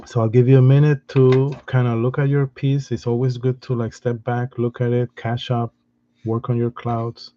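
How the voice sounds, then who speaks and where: Soft-spoken man teaching drawing. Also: medium pitch, little pitch movement, moderate pace, muffled recording. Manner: patient, soft-spoken, with frequent restarts. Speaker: art teacher. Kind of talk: drawing lesson.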